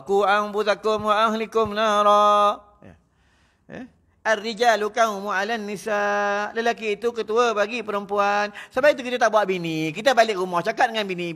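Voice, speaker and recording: Blunt high-pitched Malaysian Malay preacher. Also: male voice, fairly bright tone. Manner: blunt, teasing, scolding the audience, frequent "ya? ha.". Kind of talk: mosque lecture sermon. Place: mosque prayer hall.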